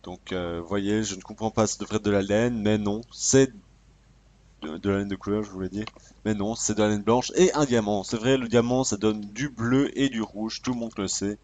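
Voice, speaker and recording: A man's voice: on the low side, steady tone, moderate pace, darkish tone. Casual gamer man on a cheap mic. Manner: casual and profane, joking, mutters to himself while playing. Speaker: gamer showcasing a mod. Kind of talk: casual gameplay commentary. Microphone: cheap desk microphone. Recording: cheap mic with faint background noise. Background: keyboard clicks and typing.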